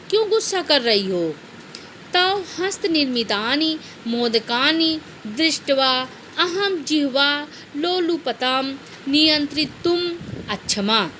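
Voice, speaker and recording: A woman's voice: high-pitched, fairly bright tone, slight background noise. A woman teacher reading Sanskrit lines aloud and explaining each one to her students in Hindi. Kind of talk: line-by-line explanation of a Sanskrit text.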